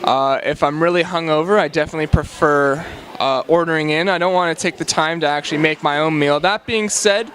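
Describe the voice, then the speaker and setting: A man of twenty-two giving laid-back interview answers with many pauses. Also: on the high side, fairly bright tone, slight background noise. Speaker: student interviewee.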